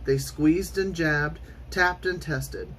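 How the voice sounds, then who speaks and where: A man reading a children's storybook aloud in an expressive, theatrical way with clear enunciation. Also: on the high side, slow pace, slight background noise, low-quality recording. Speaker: storytime reader.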